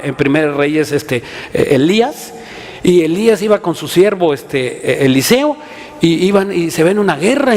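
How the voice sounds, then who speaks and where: A man with a Mexican Spanish accent, preaching a sermon as pastor, impassioned and forceful, with repeated words and fillers, acting out the voices he quotes. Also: a little high, big-room sound. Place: church hall.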